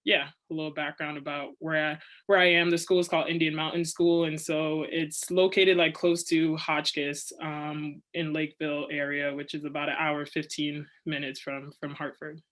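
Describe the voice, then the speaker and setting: Woman coach, bright even voice. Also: sits low, normal speed, hardly any pauses. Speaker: basketball coach. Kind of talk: panel discussion.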